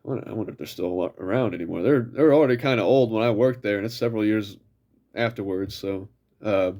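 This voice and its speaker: A man's voice: on the low side, quick pace, dull audio. Blunt, profane young man telling stories. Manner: blunt, profane, acts out quotes in mocking voices. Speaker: vlogger. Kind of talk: casual storytelling monologue.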